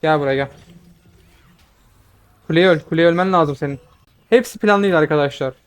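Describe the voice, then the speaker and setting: A young man giving quick, excitable commentary over his own gameplay, swearing when frustrated. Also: fairly high pitch, clear, resonant tone. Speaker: gaming video creator.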